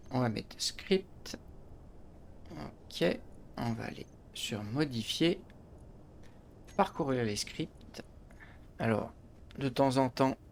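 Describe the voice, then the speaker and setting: A man's voice: medium pitch, gravelly, a little hiss or hum. A man hosting a gaming channel, explaining a space game step by step with frequent restarts and little interjections. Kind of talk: game tutorial commentary.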